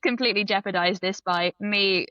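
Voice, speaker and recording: A woman's voice: medium pitch, normal speed, pushed and bright, no echo, lo-fi sound. A woman from Belgium with British parents, a guest chatting on a podcast, laughing between thoughts and hedging often. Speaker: guest, writer and comedian. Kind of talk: casual podcast chat.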